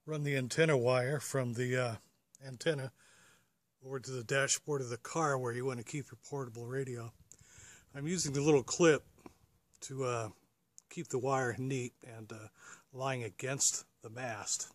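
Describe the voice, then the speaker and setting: An American host from the United States demonstrates his home-built antenna beside a parked car outdoors, explaining each step in a casual, plain-spoken way. His medium-pitched voice is steady at a normal speed, and the clear recording picks up background noise and outdoor ambience.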